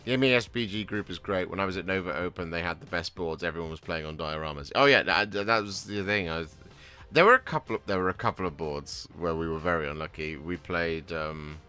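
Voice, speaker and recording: A man's voice: sits low, fairly quick, pushed and bright, smooth. A man chatting casually on his hobby vlog, rambling with lots of restarts and fillers. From England. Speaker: hobby vlogger. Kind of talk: casual chat while painting miniatures.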